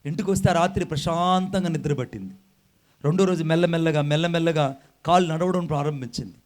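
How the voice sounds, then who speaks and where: A male preacher with a high-pitched voice delivers a sermon. He tells a long parable, sometimes dropping into halting English, and builds to loud, urgent exhortation. He speaks directly to his congregation. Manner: tells a story with acted dialogue, then rises to loud exhortation; drops in halting English phrases. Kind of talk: sermon with a storytelling illustration.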